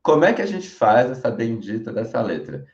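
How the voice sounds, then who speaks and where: A Brazilian man teaching French in an online lesson, speaking clearly and modelling each sound slowly so learners can repeat it. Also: medium pitch, big pitch swings. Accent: Brazilian Portuguese. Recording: roomy, dull lo-fi recording.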